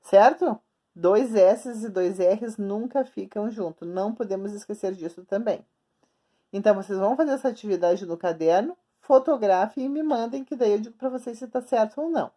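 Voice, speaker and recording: A woman schoolteacher with a mid-range, dark-toned voice records a remote grammar lesson for young children at her screen, talking as she writes on the board. She is patient, repeats herself often, and stretches words out slowly, syllable by syllable.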